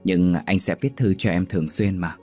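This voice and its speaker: A man reading a story, voicing a smooth-talking, manipulative young man who coaxes. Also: deep voice, moderate pace, mellow, faint music behind. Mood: coaxing. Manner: coaxing.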